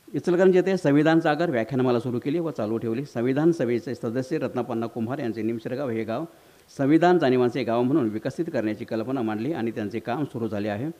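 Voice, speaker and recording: A man reads a formal introduction of a guest speaker, listing achievements in a steady way. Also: medium pitch. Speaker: event host introducing the speaker. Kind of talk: formal introduction read from notes.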